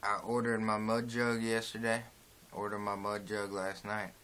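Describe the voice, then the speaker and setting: A young man with a dip in his lower lip, casually rambling through a review from a small shed, recorded on a propped-up phone. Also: level tone, normal speed, pushed and bright. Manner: laid-back, repetitive, plain country speech. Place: small open shed, rain outside. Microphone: phone propped on a door.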